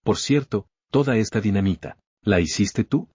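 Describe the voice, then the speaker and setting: A calm, strong young fighter speaking in terse, serious words, as a male narrator voices him in a low, husky tone. The voice is dry and close. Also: normal speed, no echo.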